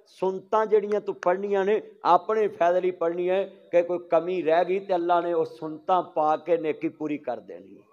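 A man's voice: sits high, a little mellow. A man with a Punjabi accent preaching a sermon, telling stories and voicing their dialogue, calling on the crowd to answer aloud. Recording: dull lo-fi recording.

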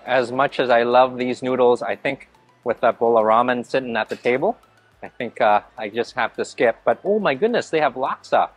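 A man's voice: mid-range voice, moderate pace, faint music behind. A man in his thirties, a food vlogger, chatting enthusiastically as he walks a big indoor hotel buffet and eats, filmed on a handheld camera at arm's length. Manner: enthusiastic, narrates each dish as he eats. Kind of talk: casual food vlog narration.

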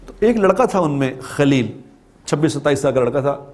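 Pakistani guy preaching, tells a story, repeats stuff for emphasis, fairly high voice. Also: expressive, a little mellow. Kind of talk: religious storytelling sermon.

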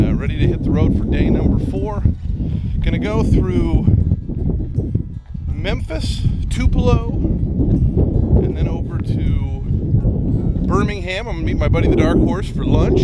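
A middle-aged man vlogging a road trip, talking casually and rambling to a phone held at arm's length outdoors. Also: fairly high pitch. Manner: chatty, rambling, self-talk with fillers. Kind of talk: casual travel vlog. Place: outdoors by a hotel parking lot. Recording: loud outdoor traffic and wind noise.

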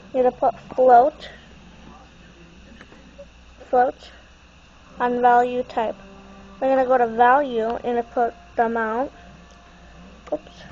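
A young woman with a high, mellow voice that sounds stuffy and nasal presents a casual, unscripted how-to tutorial into a handheld phone. The phone camera recording is muffled and noisy.

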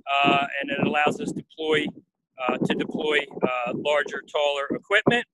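A marine field station guide in his forties leads a live walking tour aboard a workboat and along a dock outdoors, speaking casually and hesitantly with many pauses and frequent "uh" fillers. His voice is a little high, bright and forceful. Filmed on a phone held at arm's length, the audio is poor with no room sound.

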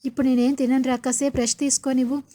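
A woman reading the lines of a tired, weak older mother in a serial retelling, speaking softly and wearily. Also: high voice, flat delivery, rapid-fire, close to an everyday voice. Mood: weary. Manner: soft, weary speech.

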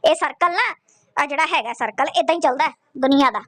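A woman's voice: sits high, a little fast, a bit bright. A woman roasting someone in crude, mocking, scolding commentary full of profanity.

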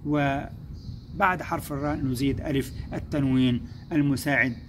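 A man teaching first-grade pupils, explaining step by step, praising them and slowing down to sound out syllables. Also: medium pitch, fairly even intonation, slight background noise. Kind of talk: recorded classroom lesson.

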